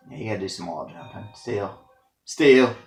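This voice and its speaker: A man giving playful let's-play commentary while he games, teasing the bosses and throwing in silly exclamations. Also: on the low side. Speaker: gamer. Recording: echoey room with game music. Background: game music.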